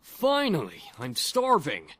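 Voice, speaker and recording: A woman's voice: low-pitched, huge pitch swings, slow pace, breathy edge, full character voice. A woman voicing a grumpy young man who snaps back defensively. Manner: brash, defensive. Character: grumpy hungry young man, quick to snap.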